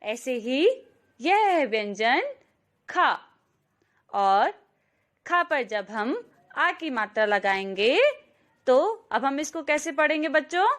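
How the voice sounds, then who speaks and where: A woman teaching a slow, clear phonics lesson to young children, stretching out each syllable and often calling out to them. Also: high-pitched, expressive. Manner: drawn-out syllables, addresses children warmly; very slow, careful pace. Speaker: kindergarten teacher.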